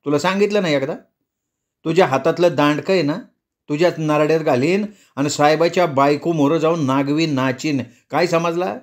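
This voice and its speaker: A man's voice: a little high, moderate pace, pitched above the performer's own voice, close to an everyday voice. A man voicing a fierce, fiery-tempered village woman who scolds and threatens in a storytelling reading. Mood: furious. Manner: scolding, threatening, sharp-tongued. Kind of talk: storytelling with acted voices.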